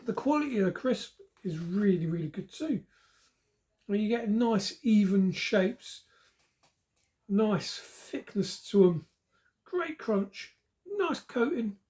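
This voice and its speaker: A woman's voice: medium pitch, sing-song, slow pace, pauses often, a little mellow. A woman giving a casual, chatty food review, repeating words for emphasis. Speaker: snack reviewer.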